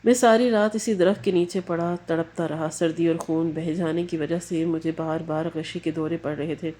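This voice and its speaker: A woman narrating a scripted emotional story in a low, warm voice. Her delivery is somber and grave throughout, steady from line to line. She reads in the first person. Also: slight background noise.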